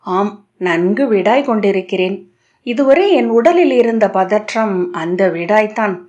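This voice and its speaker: A woman's voice: medium pitch, unhurried, a little mellow, natural voice. A woman reading the lines of a dazed young male disciple, who recounts a strange night in a bewildered, dreamlike way, on a dull lo-fi recording. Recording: dull lo-fi audio.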